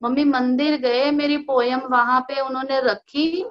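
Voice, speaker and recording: A young adult woman, telling a personal devotional story in a casual, animated way and acting out the dialogue of others. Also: high-pitched, a little slow. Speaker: devotee sharing a personal experience. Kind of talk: casual spoken testimony. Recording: dull lo-fi recording.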